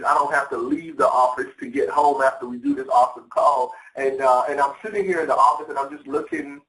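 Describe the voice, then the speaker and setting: A man giving an excited motivational talk on a phone call from his home office, repeating words as he goes. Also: mid-range voice. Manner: excited, repeats words often, says "y'all". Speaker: guest speaker on a sales call. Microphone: phone or conference line. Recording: echoey, far from the mic.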